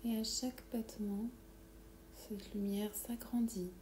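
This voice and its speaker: A woman whispers a guided meditation softly and breathily, as if right beside the listener's ear, giving slow, calming instructions in an ASMR-like style. The recording has a roomy echo and a low background rumble.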